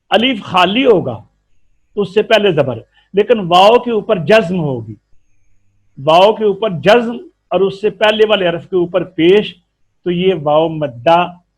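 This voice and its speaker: A man with an Urdu accent teaching a tajweed lesson, explaining patiently and stretching out syllables to demonstrate sounds. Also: fairly high pitch. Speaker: Quran recitation teacher.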